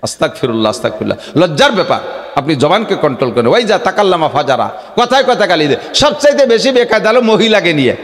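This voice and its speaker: A man from the area preaching a humorous sermon, swinging between low confiding asides and loud shouted declamation. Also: big pitch swings, fast talker, long reverb tail.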